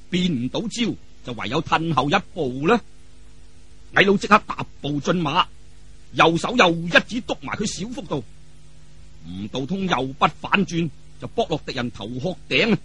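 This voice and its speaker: This man's voice sits on the high side, a little bright and breathy. He recounts a martial arts tale in Hong Kong or Guangdong Cantonese, using a colloquial, dramatic traditional storytelling style full of lively exclamations and vocal sound effects.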